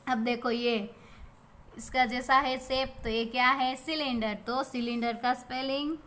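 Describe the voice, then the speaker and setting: A woman teacher with an Indian English accent, giving a primary school lesson slowly and patiently, spelling words out letter by letter and asking the class questions. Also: high-pitched, steady tone, fairly bright tone.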